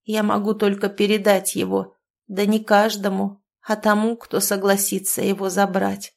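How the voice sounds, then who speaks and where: Fields: woman reading the part of an old forest witch. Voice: hoarse, low-key, resigned. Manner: grumbling and quiet. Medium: storybook reading. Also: completely flat delivery, moderate pace, close to an everyday voice.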